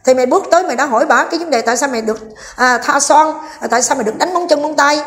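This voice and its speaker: Fast, high-voiced scolding woman vlogger. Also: fairly bright tone. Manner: scolding, combative, addresses viewers directly. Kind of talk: heated commentary rant.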